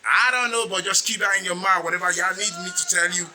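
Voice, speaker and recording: A man's voice: high voice, steady tone, fast talker, sharp tone. A man from Nigeria selling cosmetics, showing off his stock in a stockroom with hyped, slangy salesman patter. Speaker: cosmetics seller. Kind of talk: product showcase video. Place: indoor stockroom full of products.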